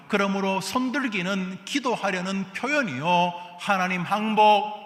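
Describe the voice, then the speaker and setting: A male pastor preaching a Sunday sermon, asking the congregation questions and answering them, swinging between soft asides and loud exhortation. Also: a little high. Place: large church sanctuary. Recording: echoey hall with long reverb.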